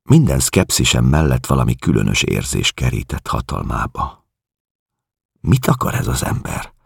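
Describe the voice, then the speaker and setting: A man narrating a literary audiobook in a measured, somber way. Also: very deep voice, sing-song, gravelly, breathy edge, no echo, studio quality. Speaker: audiobook reader.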